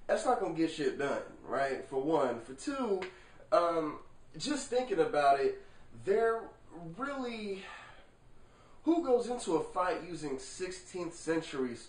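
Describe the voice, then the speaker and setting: A man talking to the camera in a casual vlog monologue, animated and rhetorical, swearing freely and checking in with the viewer. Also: fairly high pitch. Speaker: vlogger. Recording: echoey room, far from the mic.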